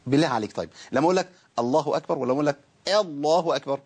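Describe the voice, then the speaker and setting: A man with an Egyptian Arabic accent teaching Quran recitation in a TV studio, explaining eagerly and stretching sounds out slowly to demonstrate them. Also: medium pitch, animated, darkish tone, slightly rough. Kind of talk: televised teaching lesson. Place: television studio.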